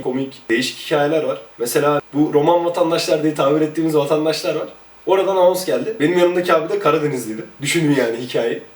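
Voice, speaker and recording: A man, a former police officer, telling casual stories about his time on duty in a lively, chatty way. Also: on the high side, roomy sound, far from the mic. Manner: lively, chatty, jumps between anecdotes. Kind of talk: casual anecdotal storytelling.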